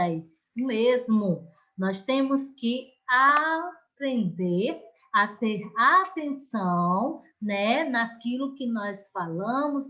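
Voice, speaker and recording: A Brazilian woman teaching an online lesson to children, stretching out the stressed words and gently coaxing the class to pay attention. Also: fairly high pitch, lo-fi sound. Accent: Brazilian Portuguese. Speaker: primary school teacher.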